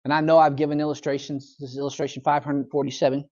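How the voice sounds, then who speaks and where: A man's voice: fairly high pitch, little pitch movement, racing, darkish tone, dull audio. A man, a pastor, teaching a casual Bible study, chatting, chuckling often and asking the room questions. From United States. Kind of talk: conversational Bible lesson. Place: church Bible study class.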